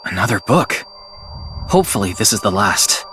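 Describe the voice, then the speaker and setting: A woman voicing a young male detective, reading game dialogue in a deepened voice. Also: sing-song, moderate pace, fairly bright tone, exaggerated voice. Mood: puzzled. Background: game music.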